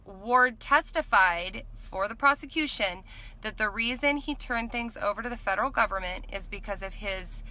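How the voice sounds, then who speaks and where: A woman in her thirties giving an informal recap from notes, earnest and opinionated, with halting moments as she checks them. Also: a little high, bright, forceful tone, low-quality recording. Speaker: vlogger recapping a court trial. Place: inside a parked car at night. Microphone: phone or camera at arm's length.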